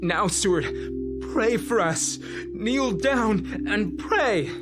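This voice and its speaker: A man's voice: sits high, expressive, slow. A man playing a grave, commanding vampire-hunting doctor in an audio drama, intense and theatrical in his delivery. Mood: urgent, commanding. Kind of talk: audio drama acting, dramatic first-person narration. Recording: dramatic music under the voice.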